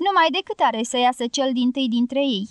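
A woman voicing a hoarse male rebel leader shouting commands in an audiobook. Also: high voice, lively intonation, no echo, clean studio sound. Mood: commanding.

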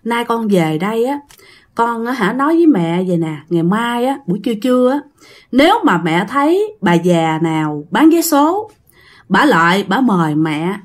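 A woman with a Southern Vietnamese accent voicing the ghost of a dead young man who earnestly begs his mother, repeating his gentle pleas. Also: fairly high pitch, sing-song, normal speed. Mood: pleading. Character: dead young man's ghost, bloodied, pleading son.

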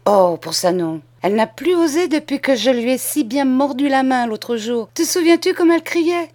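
A mischievous boy talks eagerly and boastfully, his voice a little higher and louder than the reader's own. A woman voices him while reading a children's book aloud. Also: animated, normal speed. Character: mischievous young boy, hot-headed but good-hearted.

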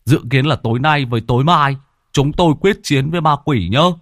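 A blunt, bossy exorcist, voiced by a male narrator, giving orders in a firm, raised voice. The sound is close and dry, with a slightly lifted pitch. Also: a little fast, no room sound, close to an everyday voice. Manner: firm, commanding.

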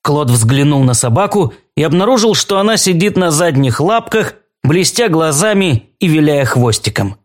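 A man narrating a novel as an audiobook with a measured, expressive reading. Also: fairly high pitch.

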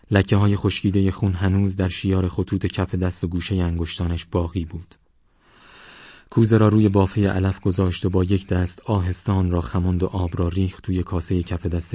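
A man narrating a novel as an audiobook reader, steady and measured. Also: low-pitched, no echo. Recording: dull lo-fi audio.

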